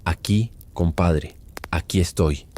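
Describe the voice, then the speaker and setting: A man's voice: deep voice, slight background noise. Man doing a coaxing forest spirit woman. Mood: luring. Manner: slow, soft, coaxing. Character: luring forest spirit woman mimicking a friend.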